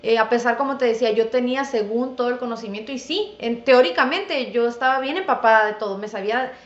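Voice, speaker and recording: A woman's voice: a little high, quick pace. Lady guest telling her faith story earnestly, kinda roomy lo-fi audio. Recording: roomy, dull lo-fi sound.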